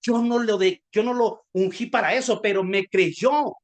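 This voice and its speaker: A man's voice: sits high, moderate pace, lightly acted. A jovial, playful God speaks in loose everyday slang with a Guatemalan accent, as a man preaching puts him on. He talks like a friendly boss giving orders to his crew. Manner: playful, colloquial.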